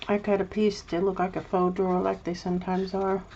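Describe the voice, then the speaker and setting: A woman's voice: medium pitch, flat delivery, fairly quick, darkish tone, lo-fi sound, a little hiss or hum. A woman showing her craft project in a casual, rambling vlog, often restarting her sentences. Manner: rambling, hesitant, chatty with many restarts. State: mouth full of candy. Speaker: crafting vlogger. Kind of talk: casual show-and-tell craft video.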